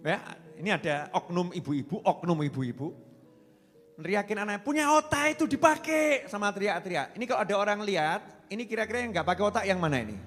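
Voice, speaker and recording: A man with a Javanese accent preaching a sermon, lively and joking, slipping into Javanese phrases. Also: sits high, a little fast. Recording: reverberant hall with faint music.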